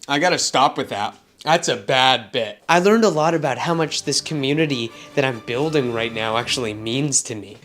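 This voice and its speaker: A man's voice: medium pitch, a bit bright. A man in his twenties, a vlogger, talking casually to camera in a self-deprecating, rambling way. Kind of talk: casual vlog talk to camera. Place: outdoors in summer heat, then indoors.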